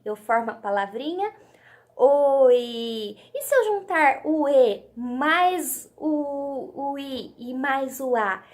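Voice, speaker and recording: A young Brazilian teacher with a high, lively voice talks slowly and patiently to small children. She stretches each syllable, sings out her questions and lets her pitch rise and fall widely as she explains. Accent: Brazilian Portuguese. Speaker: primary school teacher. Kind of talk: children's literacy lesson.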